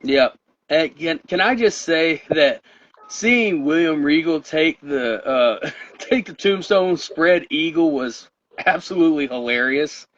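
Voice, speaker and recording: With a fairly high, fairly bright voice and lively intonation, this podcast co-host speaks slowly. He is tired and his voice is wearing out as he rambles through a casual chat show about wrestling, laughing often, on a dull lo-fi recording.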